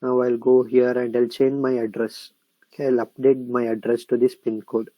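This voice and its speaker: An Indian English-accented software instructor talks through a screen recording, speaking at a medium pitch in a level tone and at normal speed. He goes step by step, repeating phrases while typing and tossing in "correct?" and "okay?" throughout. No echo is present, though the high frequencies are cut off.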